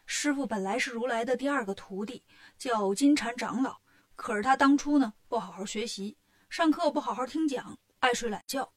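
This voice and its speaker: A woman's voice: a little high, moderate pace, close to an everyday voice. A woman voicing a boastful, cheeky male monkey king who talks brashly and teases. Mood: cocky. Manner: brash, bragging and teasing.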